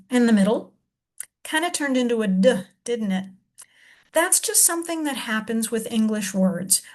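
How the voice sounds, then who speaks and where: A woman teaching a reading lesson, patiently sounding out syllables slowly and explaining each step. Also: a little high. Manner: slow, deliberate sounding-out of syllables.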